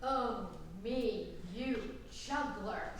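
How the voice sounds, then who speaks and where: Woman acting a high-voiced, fierce, jilted Hermia. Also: very slow. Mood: furious. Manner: theatrical, indignant, projected stage delivery. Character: small, fierce, jilted young Athenian woman. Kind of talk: staged reading of Shakespearean comedy. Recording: echoey room from far off, faint noise.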